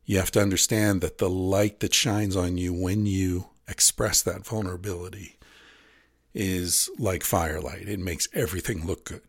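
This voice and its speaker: Casting: low, gravelly man, unhurried, candid and earnest, dry close recording. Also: no echo. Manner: frank, earnest, profane at times. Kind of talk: casual critique of a book.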